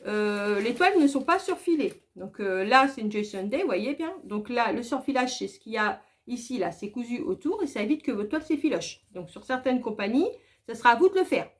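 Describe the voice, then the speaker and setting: A woman's voice: a little high, lively intonation, brisk. A woman hosting a craft tutorial, chatty and full of hesitant fillers and restarts. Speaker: craft video host. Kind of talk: casual tutorial talk.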